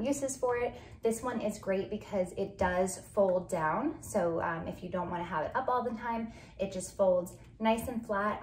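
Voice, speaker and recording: A woman's voice: mid-range voice, slight background noise. A young woman giving a casual product review and demo in her living room, chatty, with lots of ums and likes. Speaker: parenting vlogger. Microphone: far camera. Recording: roomy sound from a distant camera mic.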